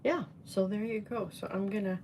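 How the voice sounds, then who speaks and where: A woman's voice: medium pitch, steady tone, moderate pace, warm tone, a little hiss or hum. A woman hosting a casual livestream, chatting in a rambling, fond way as she walks through her garden with her phone. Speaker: host. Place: outdoors in a garden. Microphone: phone held in hand.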